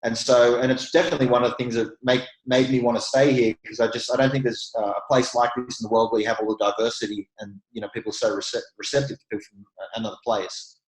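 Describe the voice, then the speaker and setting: An Australian man talks through his real estate experience in a relaxed interview, with frequent restarts and easy laughter. His voice is mid-pitched and sits in a noticeably echoey room. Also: fast, hardly any pauses. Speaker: real estate investor guest. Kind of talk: casual interview conversation.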